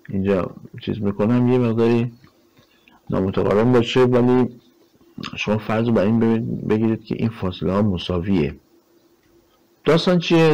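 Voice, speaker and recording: A man gives a recorded math lecture in a fairly low voice. He talks in a relaxed, conversational way, working through the problem step by step and answering his own rhetorical questions with frequent fillers. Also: highs cut off. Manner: explains step by step while drawing on a board. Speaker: math teacher.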